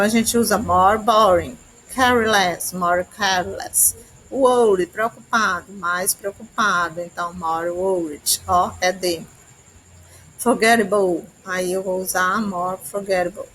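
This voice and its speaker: A woman from Brazil explains English grammar to her students at a middling pitch. She walks through each rule step by step and keeps checking that the class is following. A faint hiss of noise sits under her voice. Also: fairly even intonation, unhurried, fairly bright tone, low-quality recording. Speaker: English teacher.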